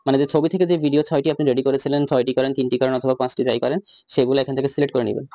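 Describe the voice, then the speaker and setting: A man talking through a software tutorial step by step, asking himself questions and answering them. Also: medium pitch, level tone, very fast, no echo. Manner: repetitive step-by-step instructions, rhetorical questions. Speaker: tutorial host. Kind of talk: screen-recorded software tutorial.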